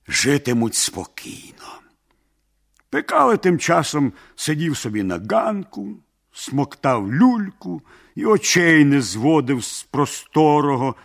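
A man reading a folk tale aloud in an expressive, animated storytelling way. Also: on the high side.

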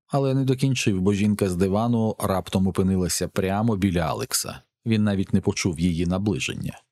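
A man with a very low, deep voice narrates an action novel. His reading is steady and measured throughout. He keeps an even, scripted narration pace. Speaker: audiobook narrator.

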